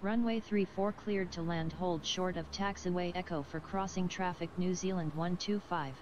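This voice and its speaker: A woman voicing an airline pilot over the radio, reading back clearances in clipped, formulaic phrases. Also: on the low side, steady tone, moderate pace, lo-fi sound, background noise. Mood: calm.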